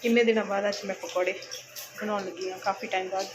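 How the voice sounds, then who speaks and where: A woman's voice: mid-range voice, steady tone, quick pace, very noisy. A young woman chatting casually to the camera in her home vlog. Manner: chatty, coaxing. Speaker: vlogger.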